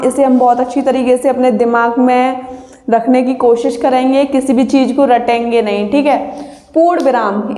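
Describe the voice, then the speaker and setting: Hindi-accented female coaching teacher, high voice, echoey room, step-by-step explanations with frequent check-ins. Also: dark tone. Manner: explains slowly, with examples, and often checks with the listener. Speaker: Hindi teacher for exam prep. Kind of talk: online exam coaching lesson.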